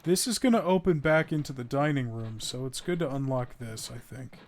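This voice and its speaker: This horror-game streamer has a mid-range voice and talks a bit quickly. He offers casual commentary, reads the in-game notes out loud, swears whenever something startles him, and laughs at the grim writing.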